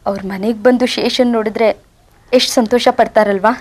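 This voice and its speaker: A woman's voice: fairly high pitch, steady tone, brisk, darkish tone, close to an everyday voice. An actress playing a devoted young wife who earnestly pleads with her husband, in a TV serial. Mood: wistful. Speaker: wife searching for her in-laws. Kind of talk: TV serial acting.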